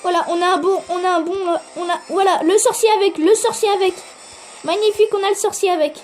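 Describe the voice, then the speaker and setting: A woman giving excitable live gameplay commentary, swearing and urging the game on while talking straight to her viewers. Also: very high voice, quick pace, slight background noise. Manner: addresses viewers directly. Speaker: gaming video creator.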